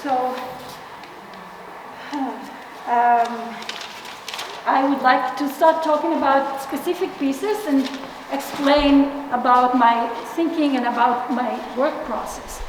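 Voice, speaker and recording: A middle-aged woman from Israel gives an artist talk in a large gallery hall, her fairly high voice pausing often on fillers and restarting phrases. She is picked up from a distance, so the hall rings with long, heavy echo and a clear layer of room noise sits behind her. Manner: hesitant, many fillers and restarts. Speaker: exhibiting artist. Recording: echoey hall, distant from mic, noisy.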